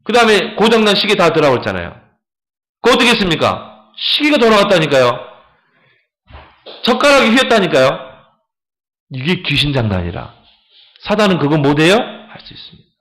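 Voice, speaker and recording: A man's voice: high voice, fairly quick, long pauses. Male pastor preaching in church, voice swings up and down a lot, keeps asking the crowd stuff. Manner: animated preaching with rhetorical questions to the congregation. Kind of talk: sermon.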